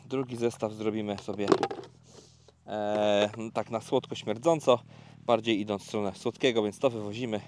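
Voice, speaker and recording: A man's voice: lowish voice, normal speed, background noise. Chatty man vlogging his fishing trip. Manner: chatty, relaxed, explains each step with fillers. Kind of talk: casual vlog talk to viewers. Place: outdoors by a lake.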